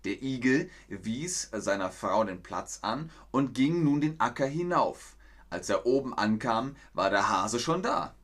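A man's voice: medium pitch, expressive, measured pace, a bit bright. A man teaching German on a live stream, reading a fairy tale aloud, explaining words and greeting viewers from the chat. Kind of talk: slow storytelling lesson with chat replies.

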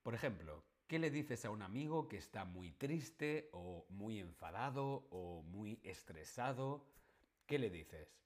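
A man, teaching a live online language lesson and slowly repeating phrases for learners. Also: fairly low pitch, animated. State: sore throat, coughing.

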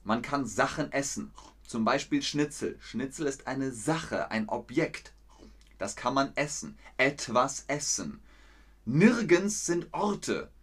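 A man teaching German in a live lesson, answering viewers' chat questions slowly and clearly with encouragement. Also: medium pitch, expressive. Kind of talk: live-streamed language lesson.

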